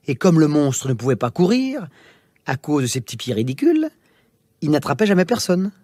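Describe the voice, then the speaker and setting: A man narrating a children's storybook in a slow, expressive, theatrical way. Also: a little high, dry recording, clean studio sound. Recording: music playing behind.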